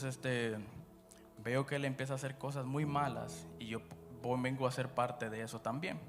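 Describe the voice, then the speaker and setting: A man from Guatemala with a Guatemalan Spanish accent, giving his church testimony in an unscripted storytelling way, full of fillers, his voice dropping low when he recounts dark moments. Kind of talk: personal testimony after prayer. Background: background music.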